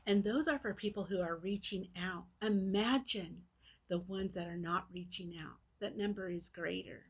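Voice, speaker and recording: A woman giving an earnest personal video message to supporters, speaking haltingly in short phrases as a charity fundraiser. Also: medium pitch. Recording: clear background noise.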